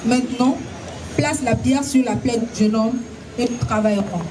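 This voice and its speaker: A woman's voice: on the high side, normal speed. Woman from Togo introducing herself from afar. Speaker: author. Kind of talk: short introduction and reading. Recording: distant mic in noisy crowd.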